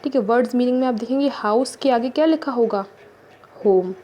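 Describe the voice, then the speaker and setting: A woman's voice: fairly high pitch, fairly quick, mellow. A woman teaching an exam-prep lecture, speaking with an Indian accent. She repeats key points and keeps checking in with her listeners.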